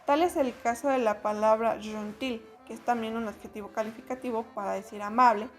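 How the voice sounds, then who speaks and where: A woman explains a lesson in a slightly high voice, patient and unhurried, pausing on fillers as she goes. Soft music plays faintly behind her. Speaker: French teacher. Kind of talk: spoken lesson.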